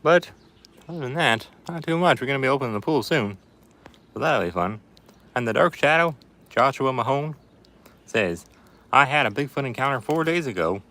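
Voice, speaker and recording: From a backyard, a livestream host chats casually and reads out what viewers have commented, his voice disguised behind a folksy, faked Appalachian hillbilly accent. He's mid-range, animated, bright and forceful, at a moderate pace with frequent pauses.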